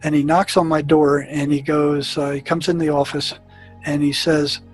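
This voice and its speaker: Halting man recounting past cases. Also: a little high, little pitch movement, faint music behind, rough recording. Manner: halting, repeats words and restarts often. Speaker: former prison therapist. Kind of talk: storytelling recollection.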